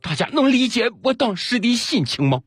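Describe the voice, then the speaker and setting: A man radio host telling comic first-person stories with dramatic pauses, over background music. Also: very high-pitched, husky. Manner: animated storytelling with comic pauses. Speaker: radio host reading jokes. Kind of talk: scripted comic storytelling. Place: radio studio.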